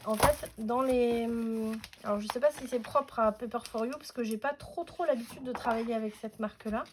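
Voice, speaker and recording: A woman's voice: fairly high pitch, noisy background. A woman hosting a casual scrapbooking tutorial at home, chatty and hesitant, with many fillers.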